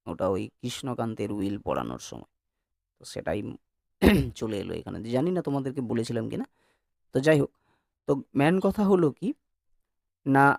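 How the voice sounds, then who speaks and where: A man's voice: a little high, darkish tone, no room sound, studio quality. A male teacher giving a classroom lecture who coaxes his students to answer and demonstrates sounds by repeating them.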